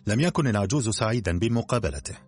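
Male reader as a plain, informative secretary; deep and husky, light music under. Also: expressive, quick pace, darkish tone. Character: thin-faced male secretary, matter-of-fact.

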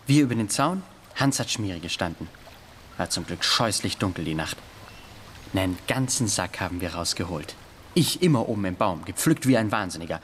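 An actor playing a timid schoolboy in a German radio drama, who swings from boasting to frightened pleading. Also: male voice, sits low, lively intonation, moderate pace, fairly bright tone, slight background noise. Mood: boastful. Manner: eager boasting, then anxious pleading.

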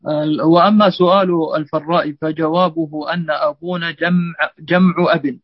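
A man, a student reading a grammar text aloud in a lesson with hesitant pauses. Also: a little high, steady tone, dry recording. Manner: hesitant, reads with fillers and restarts. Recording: dull lo-fi dry recording.

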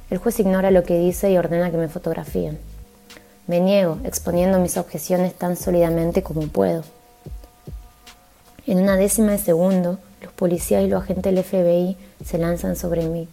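A woman podcast host reading a book aloud in a steady, measured first-person voice. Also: fairly low pitch, creaky. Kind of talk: audiobook-style reading.

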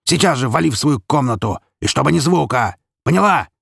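A man's voice: on the low side, gravelly, husky, no room sound, studio quality. A man voicing a raging drunk father. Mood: yelling. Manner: bellowing, menacing, drawn-out threats. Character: drunk brutal father, furious middle-aged man. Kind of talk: audiobook character voice.

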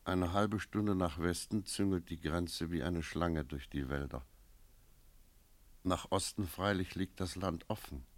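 For a radio play, an actor voices a brooding village innkeeper recalling his memories in a measured, lyrical, solemn way. His voice is low-pitched, with no room sound.

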